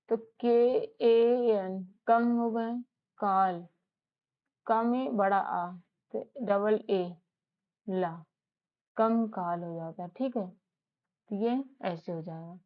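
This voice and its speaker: A woman's voice: mid-range voice, takes it slowly, pauses often. A woman in a mid-range voice gives an informal spelling lesson. She speaks patiently and keeps asking the learner questions to check they follow. The recording sounds slightly muffled and lo-fi. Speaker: English teacher. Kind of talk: casual spoken lesson. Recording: slightly dull lo-fi audio.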